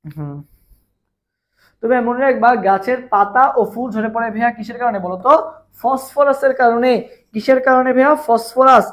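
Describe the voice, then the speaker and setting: A man's voice: very high voice, normal speed, a bit bright. A young man from Bangladesh teaching a live online biology revision class, repeating questions and answers and asking viewers to comment.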